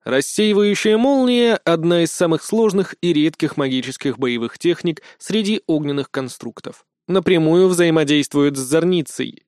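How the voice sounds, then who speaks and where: A man reads a fantasy audiobook in the first person, measured and expressive. His voice sits a little higher than most men's. The sound is close and dry, with no room around it. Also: dry recording. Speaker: audiobook narrator.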